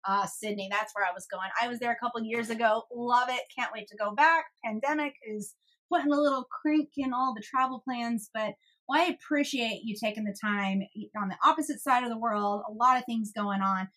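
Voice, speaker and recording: A woman in her thirties from the United States hosts a business podcast in a bright, forceful voice that sits a little high. She talks in a chatty, upbeat way and laughs easily with her guest. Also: brisk. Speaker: podcast host. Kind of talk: casual podcast chat.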